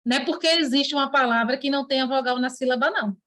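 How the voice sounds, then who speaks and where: A woman teacher with a Brazilian Portuguese accent explaining letters and syllables in an online lesson, patiently asking rhetorical questions and spelling sounds out slowly. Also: sits high, a bit bright.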